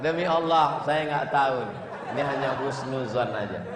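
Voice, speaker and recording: A man's voice: medium pitch, animated, normal speed, a loud crowd. A man preaching a humorous sermon, joking and acting out little dialogues in a sing-song voice. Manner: jokey, acts out dialogues, sing-song asides. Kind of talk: humorous sermon to a live audience. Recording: echoey hall with background noise.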